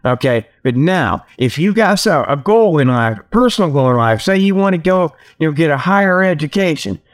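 A folksy male host runs a comedy internet radio show alone, rambling through a casual monologue full of mock sales pitches. His slightly high voice is brisk with lively intonation, and he jokes, chuckles at his own jokes, and keeps repeating "okay" as a verbal tag.

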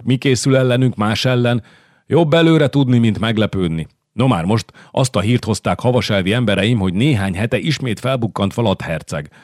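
A man voicing a gruff, hot-tempered middle-aged nobleman who bellows and curses bluntly in an audiobook. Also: medium pitch, dry recording, studio quality, pitched above the performer's own voice, close to an everyday voice. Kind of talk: audiobook character voice.

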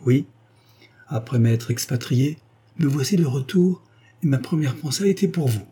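Earnest dignified young heiress in a storybook reading, done by a man, husky mellow tone, pitched up a bit. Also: lively intonation, normal speed. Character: young woman, former governess, now rich heiress.

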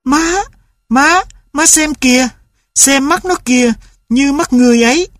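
A man's voice: extremely high pitch, slow pace, pushed and bright, dry recording, voice pushed up, full character voice. A man voicing a young boy who loves his dog and pleads with his parents. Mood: pleading.

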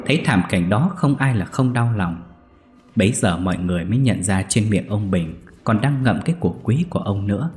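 A man narrating a scripted ghost story in a steady, grave storytelling tone. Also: lowish voice. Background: soft background music.

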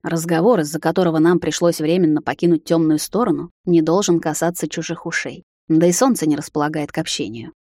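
A composed, courteous vampire lord, read by a woman, speaking slowly and a touch lower than her usual voice. It is recorded close and dry. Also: no room sound. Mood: calm. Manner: measured, quiet and courteous. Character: calm, protective male vampire lord.

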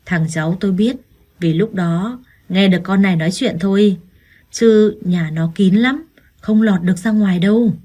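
An insistent village busybody spreading gossip in a storybook reading, put on by a woman narrator. She chatters quickly in a husky, breathy tone. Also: mid-range voice, warm tone, lightly acted. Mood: gossipy.

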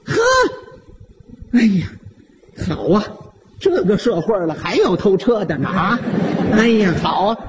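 Performer doing a panicky fat uncle, Beijing accent, high shrill yelling, wild swings in pitch. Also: male voice, animated, unhurried, long pauses, highs cut off, background noise. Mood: indignant. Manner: shrill shouting, stammering. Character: flustered fat middle-aged man chasing his bike.

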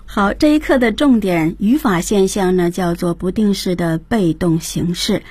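Mellow husky woman hosting a radio lesson. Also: medium pitch, moderate pace, no echo. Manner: reads English dialogue lines and prompts the teacher. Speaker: radio program host. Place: radio studio.

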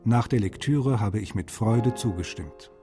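For a radio feature, an actor lightly plays a courteous, meticulous male translator who reads formal letters aloud. His voice is precise, polite and slightly husky, fairly low-pitched and warm, with an unhurried pace and faint music behind.

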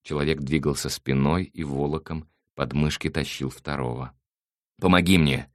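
A man narrating an audiobook in a steady, even reading voice. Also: a bass voice, moderate pace, dry recording, studio quality.

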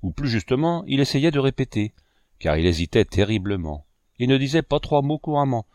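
Male audiobook narrator, measured and expressive, animated pitch, very dry close sound. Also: no room sound. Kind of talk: scripted narration.

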